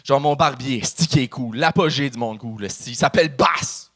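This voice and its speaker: A man's voice: medium pitch, normal speed, fairly bright tone. A man from New Brunswick doing a brash, swear-filled, self-mocking stand-up set on a comedy club stage.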